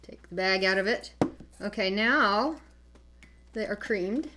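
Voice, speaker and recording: Woman hosting a blind tea tasting, cheery, calls out each round, mid-pitched voice. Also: takes it slowly, noisy background. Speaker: host running the tasting. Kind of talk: casual show hosting.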